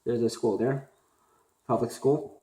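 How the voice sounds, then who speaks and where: A young man from Korea, talking unscripted to camera as a student vlogger, halting and full of fillers and restarts. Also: medium pitch, fairly even intonation, warm tone. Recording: roomy echo.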